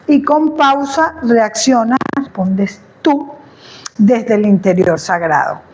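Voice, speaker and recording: Chatty woman with a high voice. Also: slow pace, muffled recording, a little hiss or hum. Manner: chatty, animated, asks "¿me entiendes?". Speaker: host, therapist. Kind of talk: conversational talk on inner peace.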